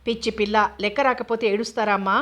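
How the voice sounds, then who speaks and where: Soft indulgent dad soothing his daughter , a woman reading him, flat voice. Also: on the high side, fast, natural voice. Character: middle-aged father, indulgent and soothing.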